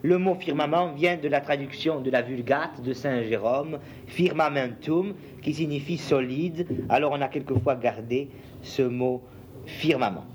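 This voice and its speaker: A man teaching a lesson, slowly spelling out Hebrew letters and vowels for his students. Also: mid-range voice, darkish tone, a little hiss or hum. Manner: slow, spells letters aloud, addresses students. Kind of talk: classroom lesson reading Hebrew.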